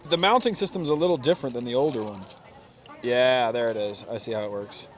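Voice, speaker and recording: A motorcycle vlogger talks through a hands-on gear installation outdoors among friends, chatting casually. He's informal and slangy, saying "dude." His voice is medium-pitched and brisk.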